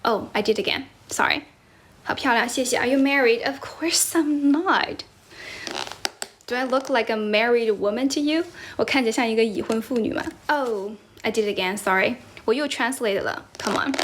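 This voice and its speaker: A woman's voice: fairly high pitch, a bit bright, a little hiss or hum. A young Chinese woman, a native speaker of Mandarin with a Chinese accent, chatting casually on a livestream as an English tutor. She is teasing and talkative, and switches languages mid-sentence. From China. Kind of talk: casual livestream chat answering comments. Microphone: phone.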